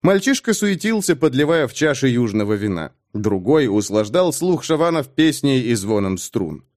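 A man reading an adventure novel aloud as narrator, with expressive, dramatic storytelling. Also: medium pitch, normal speed, no echo, clean studio sound. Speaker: audiobook narrator. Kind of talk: scripted narration.

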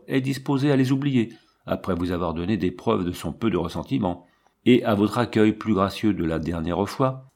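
A man's voice: lowish voice, darkish tone. A man voicing an anxious, blustering banker who speaks in a plaintive, exasperated way. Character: anxious, blustering middle-aged male banker.

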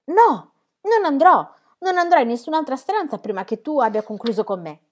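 A woman's voice: sits high, animated, normal speed, pitched above the performer's own voice. A woman voicing a distraught pastor's wife who pleads with her husband and reproaches him in a raised, emotional voice. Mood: desperate pleading.

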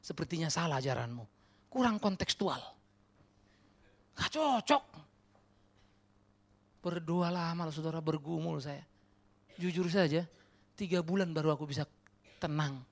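A man preaching a sermon as pastor, animated and conversational. He questions the congregation directly and mixes casual slang and English words into his talk. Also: on the high side, moderate pace, creaky. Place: church.

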